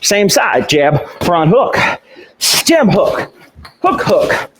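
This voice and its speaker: A man leads a boxing workout while hitting a punching bag, calling combinations in short bursts. His voice sits fairly high and jumps around in pitch, with unhurried spacing between cues and audible exertion in the grunts and puffs. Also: sing-song, a bit bright. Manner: exerting himself, with grunts and puffed exclamations.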